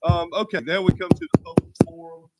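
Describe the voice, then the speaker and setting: A man's voice: high-pitched, over loud music. A man chairing a county board meeting who has a cold, so his voice sounds muffled as if inside a box. He runs the agenda in a plain, matter-of-fact way. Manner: plain, matter-of-fact, halting procedural talk. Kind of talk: formal meeting procedure.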